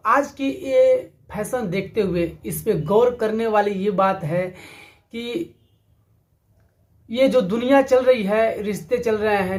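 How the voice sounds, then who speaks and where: A man giving a motivational talk, preaching in an earnest, deliberate way and telling a story. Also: sits high. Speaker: motivational speaker.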